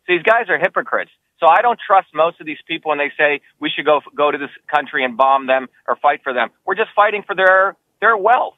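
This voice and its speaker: A man's voice: expressive, a little fast, few pauses, no echo. Insistent man on a tinny line. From New Jersey. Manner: emphatic, insistent, rising pitch when heated. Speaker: political candidate. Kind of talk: campaign interview answers.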